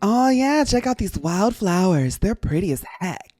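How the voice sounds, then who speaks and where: A streamer voicing a chill, buddy-like game creature with a secret soft spot, reading dialogue aloud. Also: medium pitch, very animated, unhurried, no room sound, faint music behind, voice pushed up. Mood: friendly, chill. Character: chill, tough-talking game creature who secretly loves flowers.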